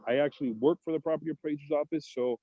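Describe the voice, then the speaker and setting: A man's voice: a little high, very fast, no room sound. A man calling in over a video call line to make a prepared public comment, methodically reciting figure after figure in an earnest tone. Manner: earnest, methodical, lists numbers one after another. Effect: heard over a video call line. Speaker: caller speaking at public comment. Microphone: video call app. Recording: dull lo-fi call audio, dry.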